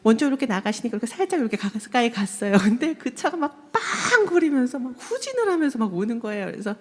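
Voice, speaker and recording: A woman in her thirties tells her testimony to a church congregation, with a fairly high voice. She slips into the voices of the people in her story and laughs often as she goes. Her voice rings with the long reverb of a large church hall. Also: sing-song, fast, darkish tone. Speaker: church member giving testimony. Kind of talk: personal testimony told to a congregation. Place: church sanctuary.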